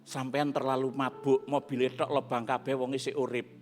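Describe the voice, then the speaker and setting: A man voicing a rough male gang underling with an East Javanese accent, talking bluntly on the phone. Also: medium pitch, flat delivery, moderate pace, soft background music, pitched below the performer's own voice, lightly acted. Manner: blunt, casual street talk.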